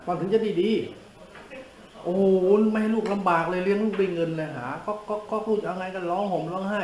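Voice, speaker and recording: A man's voice: fairly high pitch, roomy sound, rough recording. An older man, a monk giving a blunt, informal sermon, coarse and scolding, who laughs at his own jokes.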